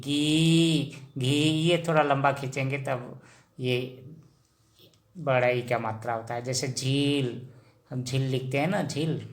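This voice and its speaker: A man gives a slow, patient language lesson. He drills syllables one at a time, drawing each out, and his voice sits at an ordinary middle pitch. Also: a bit bright. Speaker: teacher.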